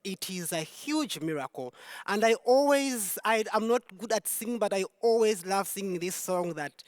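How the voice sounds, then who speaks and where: A woman from Uganda speaks at a Pride event on a concert hall stage, giving an emphatic, heartfelt personal testimony and repeating key phrases for weight. Her mid-range voice is animated, at a moderate pace.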